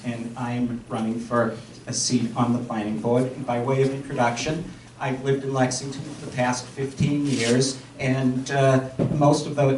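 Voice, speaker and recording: A man introducing himself plainly as a candidate at a community forum. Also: mid-range voice. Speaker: candidate for planning board. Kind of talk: candidate speech at a public forum. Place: community meeting room. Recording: echoey hall, mic far off, noisy.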